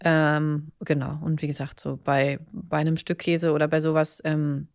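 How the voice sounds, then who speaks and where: A woman's voice: low voice, little pitch movement, normal speed, a little mellow, no echo, studio quality. A woman from Berlin, a musician and podcast guest, talking candidly with many fillers and restarts. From Germany, Berlin. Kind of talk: casual interview.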